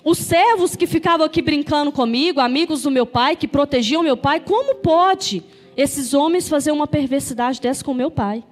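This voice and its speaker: A woman's voice: high voice, moderate pace, soft background music, close to an everyday voice. A woman voicing a frightened eight-year-old boy king, asking bewildered, pleading questions.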